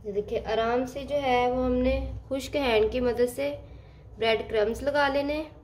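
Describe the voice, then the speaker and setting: High-voiced woman calmly guiding a recipe. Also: moderate pace, slight background noise. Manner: calm, explains each step with "ye dekhiye". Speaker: cooking channel host. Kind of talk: step-by-step cooking instructions. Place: home kitchen.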